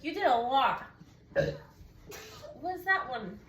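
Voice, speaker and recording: A young mother in casual, joking family chat at home, quick to laugh. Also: sits high, sing-song, far from the mic, slight background noise. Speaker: mother of the children. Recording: roomy echo, voice from off-mic, loud music behind.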